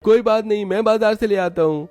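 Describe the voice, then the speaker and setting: A man's voice: high voice, brisk, a little mellow, voice pushed up, natural voice. A man voicing a kind young brother-in-law in a cartoon story, talking earnestly and eager to help.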